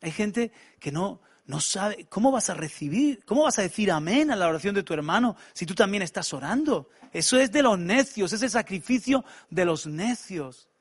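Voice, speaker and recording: A man from preaching a sermon, with animated, colloquial storytelling and asides. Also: high-pitched, normal speed, hardly any pauses, husky. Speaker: pastor.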